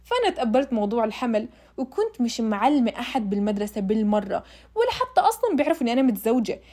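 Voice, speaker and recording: A woman's voice: a little high, big pitch swings, racing, dark tone. A young woman telling her own story in a casual, emotional way, speaking straight to her listeners. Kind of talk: casual first-person storytelling.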